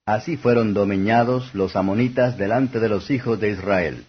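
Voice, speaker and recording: A man reading scripture aloud as formal, scripted audiobook narration, with a husky voice. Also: lowish voice, normal speed. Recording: dull lo-fi audio.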